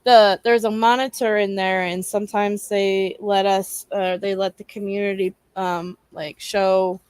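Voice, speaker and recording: Young woman chatting on a livestream, lots of ums, dry close mic, middle pitch. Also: smooth, dry recording. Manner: relaxed, halting with many ums. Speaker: co-host of a live advocacy show. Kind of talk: casual chat.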